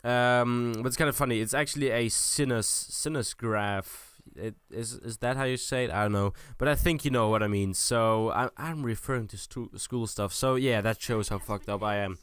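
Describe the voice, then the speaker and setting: Young man, hesitant commentary, smooth dry sound. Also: medium pitch, moderate pace, hardly any pauses, fairly bright tone, no room sound. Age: young adult. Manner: hesitant, searching for words. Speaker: video host. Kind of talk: improvised casual video commentary.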